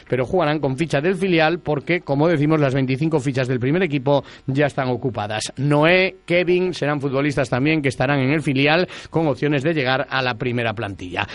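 A man's voice: a little high, no room sound. A man giving a fluent sports news report.

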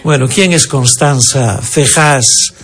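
A man's voice: medium pitch, slow pace, a bit bright, slightly rough. A man from Spain interviewing a guest, friendly and joking as he asks his questions.

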